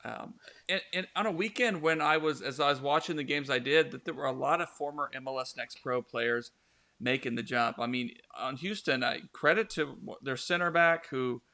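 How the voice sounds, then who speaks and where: A man's voice: mid-range voice, moderate pace, pushed and bright. A man hosting a casual soccer talk show, rambling with many fillers and restarts. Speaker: podcast host.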